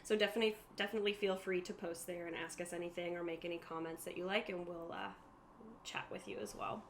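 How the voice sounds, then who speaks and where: A woman with a lowish voice talks fast as a game master, casually explaining tabletop rules to players on a stream. She's at a group gaming table in a room, and noticeable room noise sits behind her voice.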